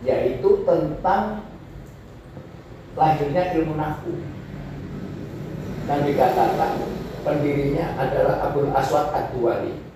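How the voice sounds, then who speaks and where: A man teaching Arabic grammar in a classroom lecture, slowly repeating Arabic phrases to show how the intonation rises and falls. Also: a little high. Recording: echoey room, voice from far off, faint noise.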